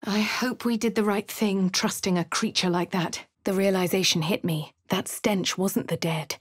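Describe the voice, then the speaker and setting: An actress voices a posh female adventurer, the player character in a fantasy game, delivering narration and remarks in a dry, composed, refined manner with crisp upper-class English diction. Her voice is medium-pitched and steady at a moderate pace, close to an everyday voice, in a dry recording.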